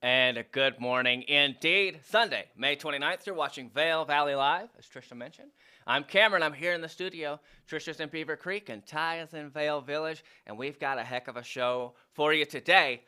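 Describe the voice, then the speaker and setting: A man's voice: fairly high pitch, moderate pace, sharp tone, clean tone. A man hosting a local morning show from a studio, chatty and upbeat, talking between bites of breakfast. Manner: chatty, eats on air, upbeat. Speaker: studio host. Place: indoor studio.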